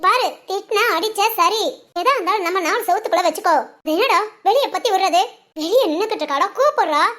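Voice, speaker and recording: A woman voicing a scheming, sharp-tongued older mother-in-law in a family cartoon, nagging and scolding. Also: extremely high pitch, expressive, quick pace. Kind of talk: cartoon voice acting.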